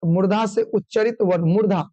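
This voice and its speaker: A man's voice: sits high, fairly even intonation, mellow, dry recording, muffled recording. Guy teaching online revision, fires questions and answers them himself, kinda scolding, dry close sound. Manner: drilling call-and-response questions, brisk and scolding. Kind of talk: online exam revision class.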